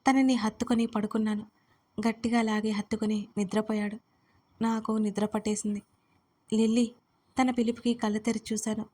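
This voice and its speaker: A woman narrating a first-person audio story in a playful, dramatic manner. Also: mid-range voice.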